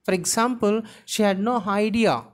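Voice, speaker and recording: A woman teaching vocabulary, slowly spelling words letter by letter and sounding out each syllable. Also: mid-range voice. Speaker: English teacher. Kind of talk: vocabulary and pronunciation lesson.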